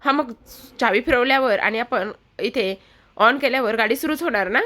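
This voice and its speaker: A woman's voice: fairly high pitch, normal speed, pushed and bright, pitched above the performer's own voice. A woman voicing a nervous young woman learning to drive, flustered and protesting.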